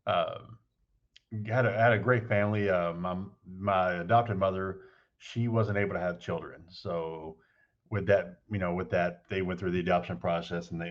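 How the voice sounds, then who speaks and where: A man from with a low, deep voice, coming through slightly muffled call audio. He talks in a relaxed, humble way, like a country boy telling his story. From Kentucky, USA. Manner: humble, easygoing, self-described country boy. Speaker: guest, writer and producer. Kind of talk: casual interview answers.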